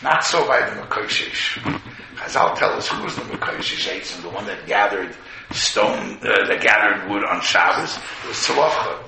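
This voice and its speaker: A man's voice: fairly low pitch, animated, normal speed, vocal fry. A man giving a Torah sermon as a rabbi, mixing with Hebrew and terms and telling stories with rhetorical questions. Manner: storytelling, rhetorical questions, voices imagined speakers, repeats phrases; mixes English with Hebrew and Yiddish terms. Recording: echoey room, faint noise.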